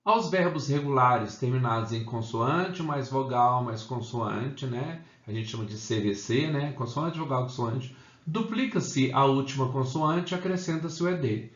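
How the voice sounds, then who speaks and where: A man with a mid-range voice teaches an English grammar lesson in Portuguese, explaining the rules step by step. He speaks slowly and checks in with the class often, repeating "tá?" and "ok?" to make sure they follow. The audio is dull and the room echoes.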